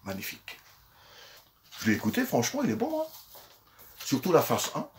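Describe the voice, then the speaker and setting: A man's voice: medium pitch, huge pitch swings, moderate pace, a little hiss or hum. An older man chatting casually about his secondhand finds into a phone, with lots of fillers and restarts. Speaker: secondhand collector vlogger. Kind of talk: casual chat.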